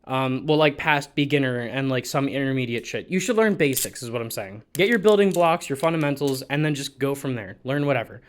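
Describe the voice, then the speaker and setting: A man's voice: medium pitch, brisk, hardly any pauses. A young man giving casual, profane advice in a rambling vlog, with blunt asides. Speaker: balisong flipping vlogger.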